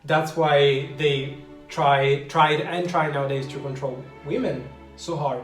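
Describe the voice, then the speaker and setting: Bright-voiced male host. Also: fairly high pitch, fairly even intonation, slow. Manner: joking, opinionated, restarts sentences. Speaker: podcast host. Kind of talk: casual chat. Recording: roomy room with faint music.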